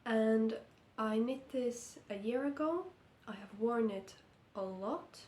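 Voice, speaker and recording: With a Finnish accent and a throat roughened by sickness, a woman talks through her knitting news in English, slowly, carefully and hesitantly. Her voice is a little high with a darkish tone, echoing in an indoor room under lamp light.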